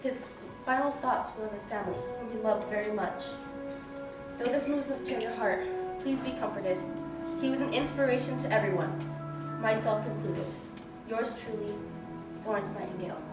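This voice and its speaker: A woman playing a compassionate, calm and steadfast wartime nurse in a stage play. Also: on the high side, normal speed, close to an everyday voice. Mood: solemn. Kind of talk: stage musical play dialogue. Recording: very echoey stage, distant mic, loud music.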